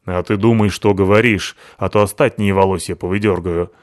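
Male reader as a rough, brawling big woman, crude and loud. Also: deep voice, little pitch movement, moderate pace, no room sound, clean studio sound, lightly acted. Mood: scolding. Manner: crude, growling. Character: big coarse brawling woman, foul-mouthed. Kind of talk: audiobook character voicing.

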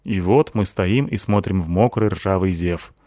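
A man with a deep, low voice narrates an audiobook in a wry, conversational way. The recording is dry and close, with no room around the voice. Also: a little slow, dark tone, no echo. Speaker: audiobook reader.

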